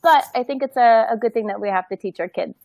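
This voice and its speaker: A woman in her thirties chatting casually as a podcast co-host, telling an animated story, acting out the voices in it and laughing often. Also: on the high side, fast talker, vocal fry, dry recording.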